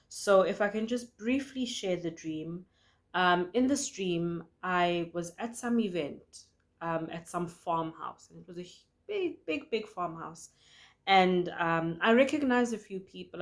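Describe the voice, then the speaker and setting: Earnest woman sharing a prophetic dream. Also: on the low side. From South Africa. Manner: earnest, conversational, with frequent fillers and restarts.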